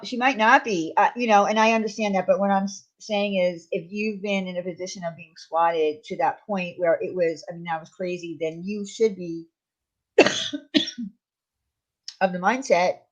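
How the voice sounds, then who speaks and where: A woman hosts a livestream, chatting casually with her viewers and answering their messages. She has a lowish voice, and the recording is muffled.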